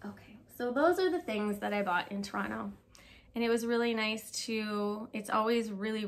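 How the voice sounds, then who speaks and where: A woman vlogging about knitting from her home knitting room, chatting casually, self-deprecating and swearing now and then. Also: mid-range voice. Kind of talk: casual chat to camera.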